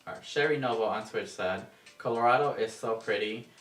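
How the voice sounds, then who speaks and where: A man from Mexico reads viewer comments aloud in a dry, matter-of-fact way. His voice is low but bright, and it comes from away from the mic. He sounds like he's in an echoey room with faint music playing behind him. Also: a little fast, distant mic. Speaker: co-host reading viewer comments. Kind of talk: casual chat reading comments aloud. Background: faint background music.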